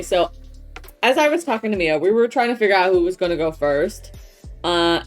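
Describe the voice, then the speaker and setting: A woman co-hosting a casual chat show, explaining things informally as she thinks aloud. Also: lowish voice. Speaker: podcast co-host.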